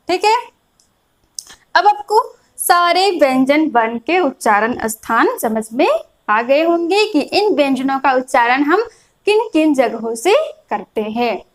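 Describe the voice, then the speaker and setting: In a low-quality classroom recording, a high-voiced woman patiently lectures on grammar while explaining a chart. She repeats points and keeps checking in with "is that clear."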